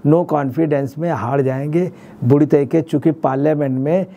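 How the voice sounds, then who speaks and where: A man's voice: fairly high pitch, fairly even intonation, normal speed, gravelly, warm tone, dull audio. A man, a senior journalist, giving emphatic political commentary in a news interview, repeating his points.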